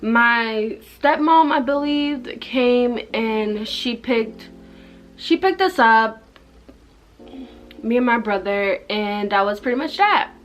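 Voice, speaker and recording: A young Jamaican woman, a vlogger, tells a personal story in a loose, rambling, chatty way, speaking slowly with a fairly high, expressive voice. The audio quality is poor, and music plays behind her.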